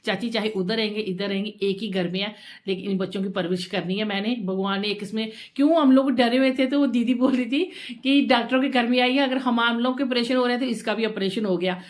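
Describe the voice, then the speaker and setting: A woman's voice: a little high, steady tone, fairly quick. A woman talking casually in a home vlog, chatty and emotional, often repeating herself. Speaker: vlogger.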